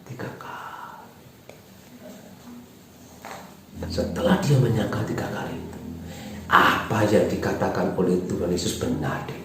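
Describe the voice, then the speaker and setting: A woman's voice: a bass voice, unhurried, pauses often, noisy background. A woman Sunday school teacher with an Indonesian accent, telling a children's Bible story and asking the children questions along the way. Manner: animated, asks the children questions. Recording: very echoey room with music.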